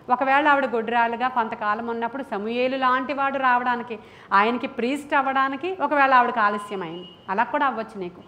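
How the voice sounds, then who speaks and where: A woman's voice: on the high side, pushed and bright. A woman pastor preaching to a congregation in a church, impassioned and emphatic, full of rhetorical questions and repeated phrases. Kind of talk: sermon.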